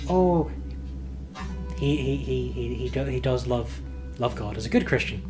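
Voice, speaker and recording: A man's voice: medium pitch, unhurried, over music, close to an everyday voice. A man voicing a fawning middle-aged priest who stammers and gushes with pious cheer. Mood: cheerful.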